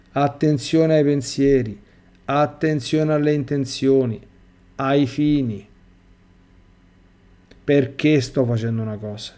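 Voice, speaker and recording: A middle-aged priest with a mellow, dark voice, giving a sermon. He reads a first-person testimony and breaks off to press points on his listeners. His delivery stays at an average pitch for a man. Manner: reads aloud then breaks off to exhort listeners directly. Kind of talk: sermon reading and commenting on a testimony.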